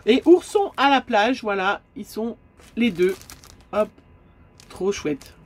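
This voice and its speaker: A woman's voice: medium pitch, expressive, slow pace. A woman with a stuffy nose chatting casually in a camper van about her craft supply haul, full of fillers and asides. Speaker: craft vlogger.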